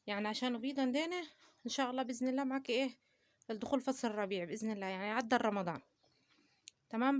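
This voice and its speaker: In her casual home vlog about raising poultry, a slightly high-voiced woman from Upper Egypt, speaking with an Upper Egyptian Arabic accent, hosts the channel by talking straight to viewers, giving advice and using many pious expressions.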